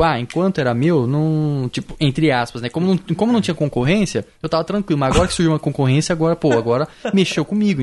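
A man's voice: a little high, a little mellow. A man co-hosting a casual podcast, opinionated and full of hesitant fillers. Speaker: podcast co-host. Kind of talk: casual chat.

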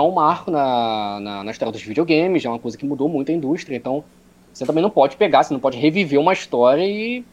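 A man's voice: on the high side, a little mellow. A man chatting casually about games, rambling with many fillers. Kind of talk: casual gaming chat.

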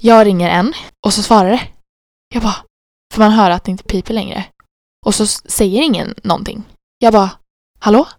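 A woman with a darkish voice, recorded in studio quality with no room sound, tells a story animatedly in casual podcast chat. She acts out her own panic in high, squeaky bursts.

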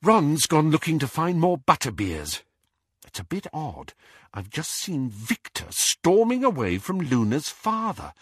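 A bright young woman, out of breath and full of concern, voiced by a male narrator. The voice lifts a little above his own, with a husky, dry texture. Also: a little high, huge pitch swings, a little slow, no room sound, pitched above the performer's own voice, full character voice. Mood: breathless. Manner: breathless, caring.

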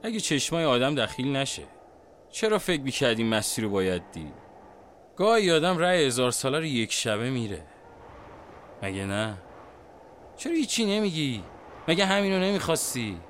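A man's voice: medium pitch, big pitch swings, long pauses, fairly bright tone, slight background noise. A man acting a dreamy, wondering character in a poetic audio drama, with a theatrical, questioning manner. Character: wondering dreamy man, restlessly questioning his silent companion.

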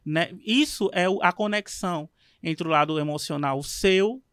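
A man's voice: a little high, moderate pace, a bit bright, smooth, dry recording, clean studio sound. A man hosting a podcast, thinking aloud in a reflective way with many fillers. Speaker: podcast host. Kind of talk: podcast conversation.

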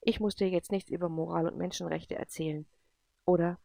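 A woman's voice: lowish voice, fairly even intonation, fairly quick, vocal fry, no echo. A woman voicing a caring but firm adult man who questions and corrects. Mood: stern. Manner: gentle then stern questioning.

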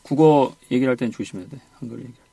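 A man's voice: medium pitch, gravelly, dark tone, husky, dry recording. A man teaching an English conversation lesson, prompting his student with short cues and asking for repeats. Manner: brisk prompting, repeats "one more time". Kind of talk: audio lesson drills.

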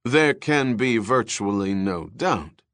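A man's voice: on the low side, expressive, slow pace, a bit bright, no echo, heavily acted. A man voicing a brash male television host announcing a big discovery. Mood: emphatic. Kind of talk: audiobook character voice.

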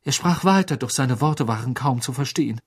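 A man reading a storybook aloud as narrator, with expressive storytelling. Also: medium pitch, fairly quick, slightly rough. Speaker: audiobook reader. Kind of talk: scripted narration.

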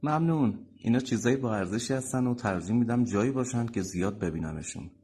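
A man's voice: mid-range voice, dark tone, a little hiss or hum, natural voice. Man voicing a firm, assured company chief. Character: confident male company chief, about forty.

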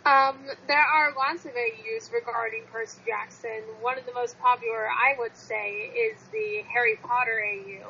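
A woman's voice: a little high, fairly even intonation, moderate pace, vocal fry, hardly any pauses, sharp tone, dull audio, a little hiss or hum. A woman chatting casually as a guest in a fan discussion.

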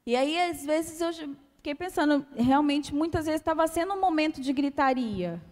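Calm high-voiced woman preaching in a hall. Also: moderate pace. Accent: Brazilian Portuguese. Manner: calm, soft-spoken. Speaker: church speaker. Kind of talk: testimony sermon. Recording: long hall reverb.

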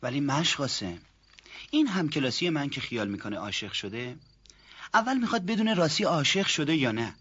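A man's voice: on the high side, sing-song, husky, full character voice. A shy, earnest young man. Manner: hesitant, soft-spoken, earnest. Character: shy young man asking about love. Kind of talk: 1970s TV drama acting. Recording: muffled lo-fi TV audio.

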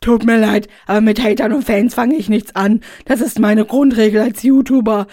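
A woman's voice: fairly high pitch, fairly even intonation, moderate pace, dark tone, no room sound, studio quality, natural voice. A woman voicing an arrogant, whiny, pudgy male YouTuber in a story reading, protesting indignantly. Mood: smug.

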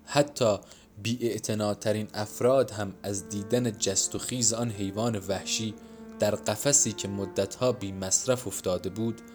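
A male audiobook narrator with a low, measured voice reads a literary story in a somber tone. Soft instrumental music plays faintly behind him. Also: steady tone.

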